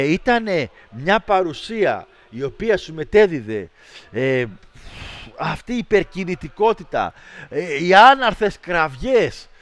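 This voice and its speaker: Animated man ranting on a livestream. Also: high-pitched. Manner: animated, mocking rants. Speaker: livestream host. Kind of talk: casual stream chat with viewers.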